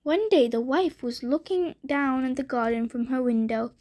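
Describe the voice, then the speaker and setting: A woman narrating a bedtime story for children in a gentle, deliberate way. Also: sits high. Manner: slow, gentle, deliberate reading.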